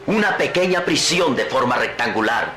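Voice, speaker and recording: In an echoey vintage radio drama with loud music, a man narrates an adventure serial, grave and storytelling in manner and rising to urgency. His mid-range voice is expressive and moves at a moderate pace.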